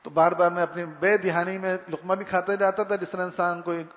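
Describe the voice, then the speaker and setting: Male preacher, high voice, conversational sermon, storytelling, imitates sounds, long hall reverb, muffled recording. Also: level tone. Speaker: Islamic preacher. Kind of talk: sermon on manners.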